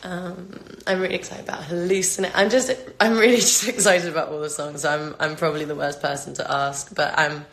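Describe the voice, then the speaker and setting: Talking a little fast with hardly any pauses, a woman in her twenties with a deep, steady, gravelly voice answers fan questions as a singer. Her London accent comes through as she rambles casually with plenty of fillers and restarts. The phone livestream is recorded in an echoey room.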